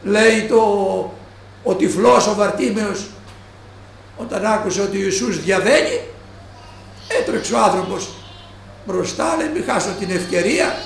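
Male preacher, high voice with a wide, lively range, slows to quote scripture. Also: gravelly, slight background noise. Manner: slow, stressed quoting of scripture. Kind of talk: sermon. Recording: echoey room.

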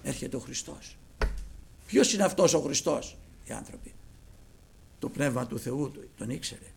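A man preaching a sermon to his congregation with passion, dropping to a hush and then rising to loud exclamations. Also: medium pitch, lively intonation, gravelly, husky. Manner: impassioned, swinging from hushed to loud.

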